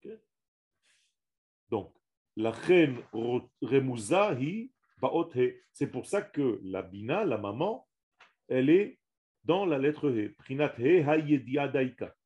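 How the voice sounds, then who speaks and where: In a lo-fi recording, a man with a medium-pitched, slightly mellow voice speaks slowly with big swings in pitch. He's giving a small group a religious lesson on the Hebrew language, emphatic in manner, repeating and restarting his words and stressing every Hebrew term.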